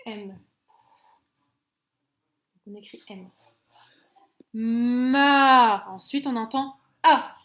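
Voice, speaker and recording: A French teacher with a high, light voice walks young children through a phonics lesson, stretching every sound out slowly. She is gentle and encouraging with them. She sounds out each letter and syllable with care.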